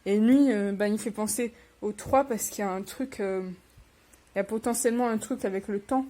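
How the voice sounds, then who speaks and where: A young book-unboxing vlogger, a little sick, chats casually and rambles as she opens books, tossing in self-deprecating asides. Her voice is medium-pitched and dark-toned, at a moderate pace.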